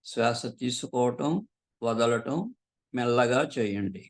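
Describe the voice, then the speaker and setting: Leading a guided meditation as a teacher, a man from southern India speaks at medium pitch. His pace is calm and unhurried, pausing often between brief phrases.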